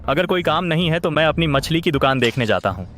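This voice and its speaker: A brash young fish seller with a lively, swooping delivery and a fairly high pitch for a man. He teases and boasts with cheeky confidence. Loud background music plays under the dubbed drama. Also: fast talker. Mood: teasing. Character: cocky young male fish seller, secretly a war god. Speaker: lead character. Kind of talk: Hindi dubbed short drama.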